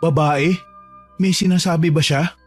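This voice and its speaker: A man voices a protective gardener who helps a trapped girl in an audio horror drama. He sounds calm and reassuring and. His voice sits a little high, with faint music behind. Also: measured pace. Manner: calm, reassuring, low-key.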